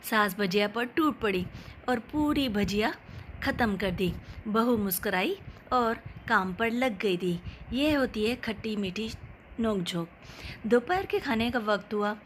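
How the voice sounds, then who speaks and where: A woman narrating a family moral story as a storyteller, gentle and unhurried. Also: medium pitch, a little hiss or hum.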